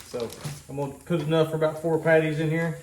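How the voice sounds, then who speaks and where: A man's voice: fairly high pitch, flat delivery, fast, reverberant, slight background noise. A man casually explaining a home cooking task in a rambling, easygoing, self-joking way. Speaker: homestead vlogger. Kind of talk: casual how-to vlog.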